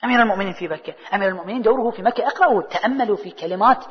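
A man preaching a religious sermon, asking rhetorical questions and answering them himself, his voice rising and falling between soft and loud. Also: sits high, racing. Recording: dull hall recording with long reverb.

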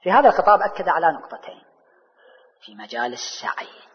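A man preaching a sermon with a high voice that swings widely in pitch. He poses questions to the crowd and answers them himself, moving from hushed lines to loud ones. The recording is dull and carries a long hall echo. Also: very animated, fast. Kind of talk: religious sermon.

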